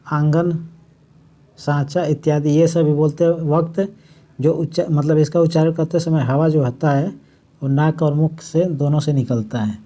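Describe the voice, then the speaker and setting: A man teaching a Hindi grammar lesson for exam prep, explaining step by step, restating points and slowly drawing out the example words. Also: fairly high pitch, warm tone.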